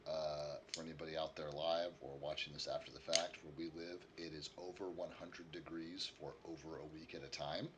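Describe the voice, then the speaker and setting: A man's voice: extremely low pitch, level tone, a little fast, few pauses, heavy background noise. A man running a tabletop game as game master, narrating loosely with lots of fillers from an air-conditioned room. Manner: loose and rambling, many fillers.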